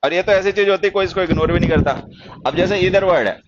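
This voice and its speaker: A man teaching English grammar in a classroom lecture, teasing students about their mistakes and reading example sentences slowly. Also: high voice, background noise. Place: coaching class in Delhi. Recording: dull, dry lo-fi sound.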